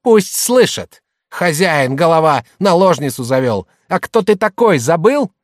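A man reading an audiobook, voicing a middle-aged merchant's wife who mocks and shouts at her husband. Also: on the high side, sing-song, measured pace, no room sound, clean studio sound. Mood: shouting. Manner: loud, mocking, hectoring.

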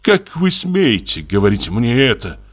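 A man reading the part of a wealthy, pampered, hot-tempered gentleman who shrieks his lines. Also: big pitch swings, unhurried. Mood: outraged. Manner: shrill, shrieking outbursts.

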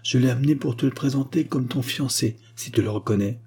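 A man's voice: mid-range voice, a little fast, mellow, husky. A man voicing a remorseful, tender aristocratic mother in an audiobook reading, earnest and confiding.

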